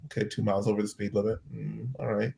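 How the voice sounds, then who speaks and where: A man in his thirties, a pastor, telling a personal story in an earnest, halting way with many restarts. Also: lowish voice, level tone, vocal fry, dark tone. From United States.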